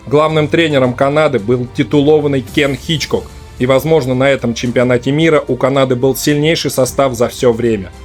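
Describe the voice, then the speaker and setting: A man hosting and narrating a scripted hockey match recap for a video channel. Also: medium pitch. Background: music.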